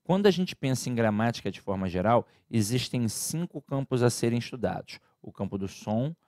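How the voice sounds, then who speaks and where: A man's voice: medium pitch, animated, normal speed, darkish tone, no room sound, studio quality. A man giving a casual, chatty online grammar lecture for exam students. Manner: casual, chatty teaching with slang and diminutives. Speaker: Portuguese grammar teacher.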